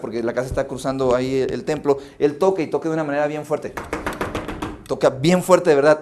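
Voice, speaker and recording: A man's voice: medium pitch, darkish tone. A Mexican man preaching at a pastors' conference, telling stories in a conversational way with many restarts. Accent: Mexican Spanish. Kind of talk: conference sermon. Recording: live phone stream of a sermon.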